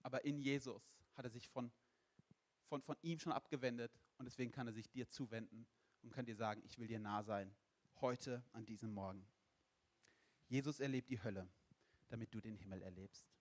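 A man's voice: medium pitch, steady tone, normal speed. A man preaching a sermon, speaking emphatically and directly to the listener.

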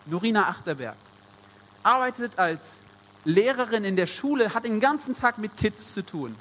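A man's voice: sits high, lively intonation, moderate pace, fairly bright tone, long reverb tail, a little hiss or hum. A man preaching a sermon in German, emphatic and addressing the congregation directly, repeating his key phrases. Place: church service.

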